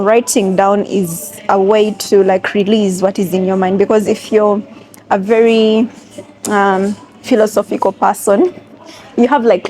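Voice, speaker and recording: Talking directly to viewers, a young woman with Luganda as her first language shares casual, reflective travel-vlog chat from indoors at a cafe and an airport. She's chatty, with a warm, medium-pitched voice.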